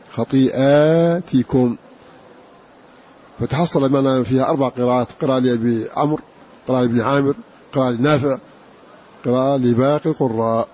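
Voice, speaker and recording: A man lectures on the variant readings of the Quran, slowly repeating and stretching the words he explains. His voice is dark and husky. The recording sounds dull and lo-fi. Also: mid-range voice. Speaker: Quran recitation teacher.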